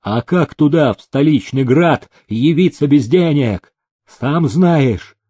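Man doing a menacing young heir, barks threats, dark husky voice, dry sound. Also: a little high, lively intonation, slow pace, no room sound, heavily acted. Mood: stern. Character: hot-tempered, threatening young male heir.

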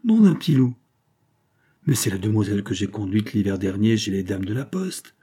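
Rustic young charcoal burner guy from an old storybook, brisk and reassuring, low husky voice, mellow tone, read out by a man. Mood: hearty. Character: hearty young male charcoal burner, kindly.

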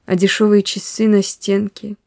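A woman reads a classic story aloud in soft, measured narration that often drops to a near-whisper. Her voice sits at an ordinary middle pitch. It is recorded dry and close, with no room sound. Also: monotone, gravelly, dry recording. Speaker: reader. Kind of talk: scripted literary narration.

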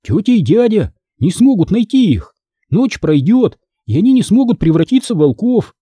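Male reader doing an excitable young girl, high, breathless, husky edge, dry audiobook read. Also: moderate pace, no echo, full character voice. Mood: excited. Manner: breathless, eager, high-pitched. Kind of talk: audiobook character voice.

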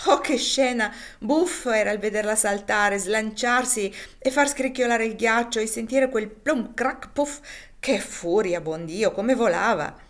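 A woman's voice: a little high, unhurried, natural voice. A woman voicing a gleeful joking servant. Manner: gleeful, mocking. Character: mischievous laughing servant man.

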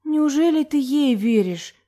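A brash young woman, quick to sneer and quick to panic, with a high, pushy voice , put on by a woman reading an audiobook. The tone stays warm and mellow beneath the shrillness, in the manner of an audiobook. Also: animated. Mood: nervous pleading.

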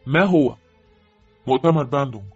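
A woman's voice: extremely low pitch, animated, a little fast, husky, full character voice. A woman voicing a blunt, firm young man who is an army officer, in an audiobook. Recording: dull lo-fi with faint music.

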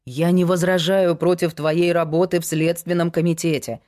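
A woman's voice: lowish voice, flat delivery, normal speed, darkish tone, lightly acted. A woman voicing a young man, an eager fiancé who turns anxious, in an audiobook. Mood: pleading.

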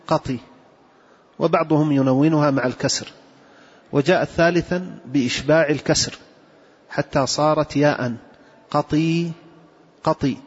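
A man teaching a religious lesson as a sheikh, explaining slowly and carefully, with a husky voice. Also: medium pitch. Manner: measured, drawn-out scholarly explanation. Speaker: sheikh teaching Islamic creed. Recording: dull lo-fi recording in a reverberant hall.

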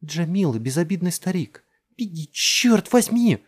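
A man voicing a desperate mother in an audiobook, giving forceful, commanding orders. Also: fairly high pitch, big pitch swings, fairly quick, breathy edge, pitched above the performer's own voice. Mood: urgent. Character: commanding, desperate mother urging her daughter. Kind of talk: audiobook character voice.

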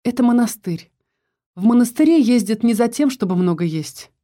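Woman reading as a young wife, weary, evasive, soft sighing replies, mellow tone, storybook. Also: fairly high pitch, lively intonation, moderate pace, pitched above the performer's own voice, lightly acted.

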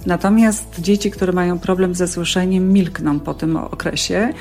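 A woman's voice: on the low side, steady tone, normal speed, a little mellow, faint music behind. A woman speech therapist explaining in a teacherly, demonstrating way in a radio interview. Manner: didactic, demonstrating sounds.

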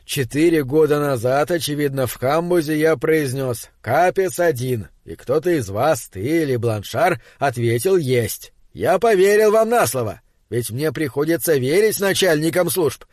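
A man's voice: a little high, lively intonation, moderate pace, hardly any pauses, dry recording, lightly acted. An exasperated male spaceship captain, shrewd and bossy, pressing his crew with a raised, impatient voice, as a man reads him. It comes across as a dry, close audiobook read. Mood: probing. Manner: impatient, shouting when pressed.

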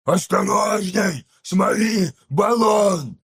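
A hulking ork mechanic, bellows in a gravelly, rasping growl pitched well above the reader's own voice. He drags out his slow, heavy words and shouts them across the chaos. The voice sits back from the mic. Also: full character voice. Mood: shouting orders. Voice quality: gravelly, raspy. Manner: barking, shouting in slow drawn-out bursts. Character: brutish gravelly male ork mechanic, loud and bossy.

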